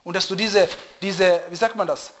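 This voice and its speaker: A man's voice: high voice, fairly even intonation, a little hiss or hum. A man giving a religious lecture who often stops to search for the right word and checks whether listeners follow. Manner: often pauses to search for German words; asks listeners to confirm they follow. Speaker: religious teacher. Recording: dull lo-fi recording.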